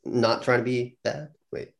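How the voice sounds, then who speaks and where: A man co-hosting a podcast in casual chat, rambling and laughing, with some vocal fry. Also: medium pitch, steady tone, unhurried. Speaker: podcast co-host.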